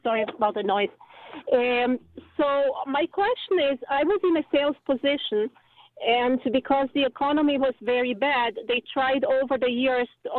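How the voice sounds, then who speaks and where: A woman's voice: a little high, a little hiss or hum. Woman in her fifties on car speakerphone. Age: 50s. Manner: hesitant, halting with many fillers. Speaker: caller. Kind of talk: call-in question to a radio show. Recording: tinny phone line from a car.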